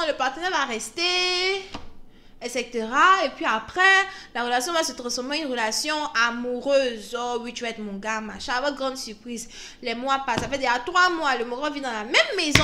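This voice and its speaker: A young woman giving a casual tarot reading, telling stories in an animated way, laughing often and mixing in English words. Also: high voice, normal speed. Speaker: tarot reader.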